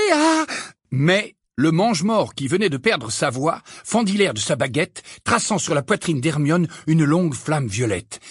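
A man reading an audiobook aloud with dramatic, expressive narration. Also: fairly high pitch, husky, no echo, studio quality.

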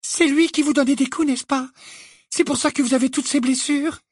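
A man putting on a shrill frightened girl. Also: fairly even intonation, moderate pace, no room sound, clean studio sound. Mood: distressed. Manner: shrill, breathless and high-pitched. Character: frightened, pleading teenage girl. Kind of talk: audiobook character reading.

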